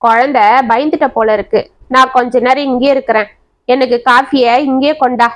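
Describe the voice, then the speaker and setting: A woman's voice: high-pitched, fairly even intonation, moderate pace, natural voice. Woman doing a kind old grandmother. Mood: coaxing. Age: older. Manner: gentle, coaxing, worried.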